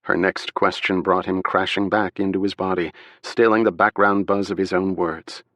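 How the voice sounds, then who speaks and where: A man narrates a thriller in a measured, steady read. His voice is very low, and the recording is dry and close, with no room sound. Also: dry recording. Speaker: audiobook narrator. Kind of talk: scripted narration.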